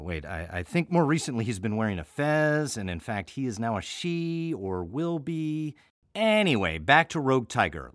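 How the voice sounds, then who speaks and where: Recorded in a clean studio with no room sound, an American man with a fairly low-pitched voice opens a podcast season. He hosts and serves as artistic director of an audio theater, and his chatty, wry introduction is sprinkled with playful asides.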